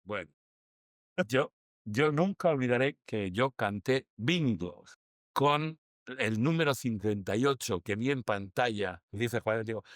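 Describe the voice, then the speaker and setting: A man telling a lively anecdote in a documentary interview, with salty language and acted-out shouts. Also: medium pitch, measured pace, no room sound, studio quality.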